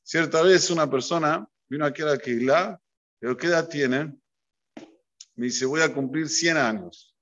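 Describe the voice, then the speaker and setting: Animated storytelling rabbi, lo-fi. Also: male voice, on the high side, a little slow. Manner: animated storyteller mixing Hebrew terms. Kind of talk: sermon with storytelling. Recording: dull lo-fi recording.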